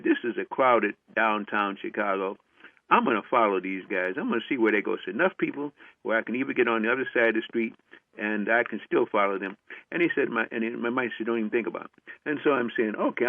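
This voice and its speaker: A man's voice: medium pitch, dry recording. An older man telling a personal story as a lecturer, acting out the dialogue he remembers with many "I said" asides. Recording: tinny phone-like dry recording.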